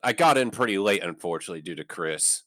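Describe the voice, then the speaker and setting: A man leading a casual group chat in a halting, rambling way. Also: sits low, animated, fairly bright tone, dry recording, studio quality. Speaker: leads the group conversation.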